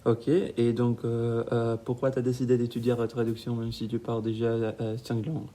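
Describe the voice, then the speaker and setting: A young man from Italy with an Italian accent, hosting a school radio interview in French with frequent pauses and fillers. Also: medium pitch, monotone, dark tone. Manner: halting, many fillers. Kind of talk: casual interview.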